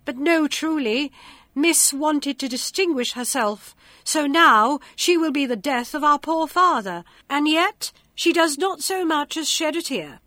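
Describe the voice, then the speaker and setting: A woman's voice: high-pitched, expressive, a little slow, pushed and bright, no echo, pitched above the performer's own voice, full character voice. A woman voicing spiteful, jealous older sisters who sneer in raised voices.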